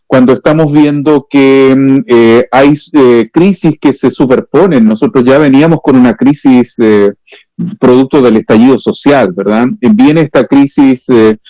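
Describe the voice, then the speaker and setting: A man asks a question in a mellow, dark-toned voice. The sound is dry and close, and he pauses and hesitates as he frames what he wants to ask. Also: medium pitch, no echo, poor audio. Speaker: professor asking a question.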